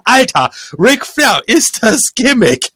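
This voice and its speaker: A man's voice: extremely high pitch, very animated, takes it slowly, sharp tone, husky, no echo, studio quality. A man co-hosting a casual podcast, ranting and swearing freely, his microphone overdriven so the sound clips and distorts. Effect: clipping, distorted overdriven mic. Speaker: podcast co-host. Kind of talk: casual wrestling podcast chat. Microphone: home podcast microphone set too loud.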